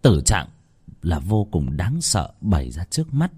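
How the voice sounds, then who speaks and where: Man, horror story narration, dramatic, wildly varied pitch. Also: measured pace, husky. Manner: dramatic, expressive delivery.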